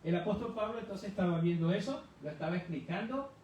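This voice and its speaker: A man who teaches at church gives a conversational Bible lesson, explaining didactically and putting rhetorical questions to his listeners. His high voice is expressive and a little mellow, and he talks fast. The dull audio comes from a distant mic in a very echoey room, with faint noise.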